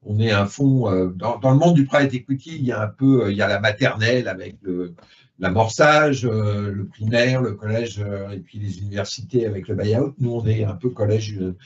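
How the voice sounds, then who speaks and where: A man's voice: fairly low pitch, moderate pace. Man explaining with frequent fillers. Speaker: private equity fund director. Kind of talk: conference panel explanation. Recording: dull lo-fi sound.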